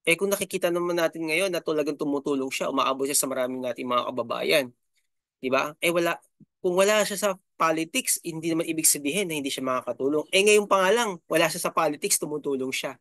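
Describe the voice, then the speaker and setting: Speaking a little high and fast, with a slightly bright tone, a middle-aged Filipino YouTube host chats his way through casual commentary. Fillers abound, and he keeps adding "no?" and "di ba?". The sound is clean and studio-made, free of room noise.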